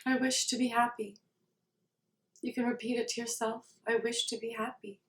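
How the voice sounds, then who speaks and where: A woman guiding a meditation in a slow, soft, calm way. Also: a little high. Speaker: meditation guide. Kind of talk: guided meditation. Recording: roomy sound, somewhat far from the mic.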